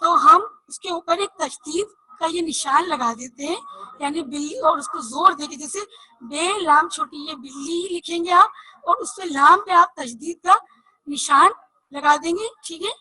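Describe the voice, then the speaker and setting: A woman teaching young children to read, slowly spelling out letters and asking questions she answers herself. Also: very high-pitched, bright, forceful tone, no echo, low-quality recording. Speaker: Urdu teacher. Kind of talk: online reading lesson for children.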